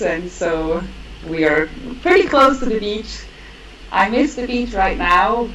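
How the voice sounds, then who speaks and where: A woman's voice: medium pitch, a bit bright, roomy sound, slight background noise, rough recording. A woman in her forties from Switzerland, talking in a friendly, chatty way as a guest on a roundtable. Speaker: roundtable guest, language teacher. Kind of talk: casual conversation.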